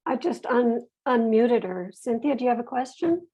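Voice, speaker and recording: A woman co-hosts an online meeting, talking in a puzzled, problem-solving way over a video call. Her voice is fairly high, with a gravelly, husky edge and some vocal fry. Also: expressive, normal speed, darkish tone, lo-fi sound. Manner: puzzled, troubleshooting. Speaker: co-host running the video call. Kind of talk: live online meeting talk.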